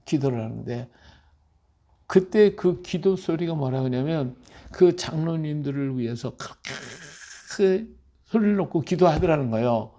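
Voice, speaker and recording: Gravelly, fairly high-voiced male pastor. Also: lively intonation, unhurried, dark tone. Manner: emphatic, storytelling, asks listeners "right?". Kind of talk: conversational Bible-reading sermon.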